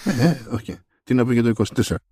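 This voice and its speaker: A man's voice: mid-range voice, warm tone, husky, no room sound, studio quality. A man co-hosting a casual tech podcast, chatting wryly and reading out news items. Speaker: podcast co-host.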